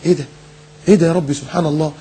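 A man with an Egyptian Arabic accent preaching a recorded sermon, animated and mocking, firing rhetorical questions and mimicking people. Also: fairly high pitch, racing, slightly rough.

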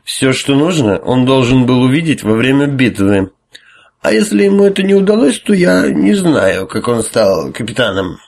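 A man voicing a drunk, arrogant high priest who drawls and hesitates. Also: sing-song, normal speed, vocal fry, darkish tone, husky, full character voice. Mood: blustering. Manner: slurred, drawling, with hiccups and hesitations.

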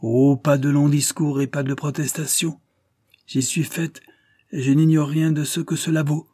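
A man's voice: medium pitch, fairly even intonation, moderate pace, warm tone, no room sound, studio quality, natural voice. A man reading an audiobook and voicing a passionate young society woman who speaks with vehemence, first pleading, then scornful.

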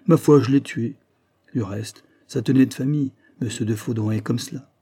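A man's voice: normal speed, breathy edge, no echo. Man doing a chatty old-fashioned gardener. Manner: chatty, animated storytelling, high for the child's cries. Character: simple male gardener telling a tale.

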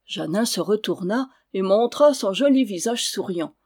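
A narrator reading a historical novel aloud in a measured storytelling manner. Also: medium pitch, expressive, a little mellow. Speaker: audiobook narrator. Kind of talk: literary audiobook narration.

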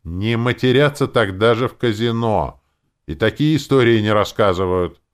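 A man's voice: lowish voice, lively intonation, normal speed, voice pushed up, natural voice. A man voicing a chatty male entertainer who exclaims and wheedles. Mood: fussy. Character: fussy chatty male showman host, wheedling.

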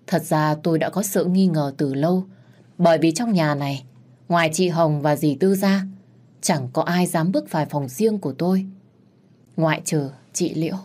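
Husky low-voiced woman narrator. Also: moderate pace, dark tone. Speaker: story narrator. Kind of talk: scripted narration.

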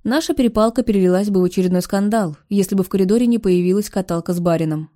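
A woman narrating a novel in the first person, steady and expressive. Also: medium pitch, very fast. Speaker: audiobook narrator.

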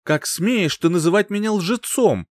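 A man voicing a boastful, hot-tempered young rival who boasts and rages in a shrill tone. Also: very animated, darkish tone, no echo. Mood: furious. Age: young adult. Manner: boastful, shrill, quick to rage.

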